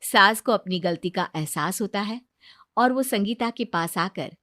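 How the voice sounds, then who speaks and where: A woman narrating a scripted cartoon story in a plain, steady way. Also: mid-range voice, measured pace.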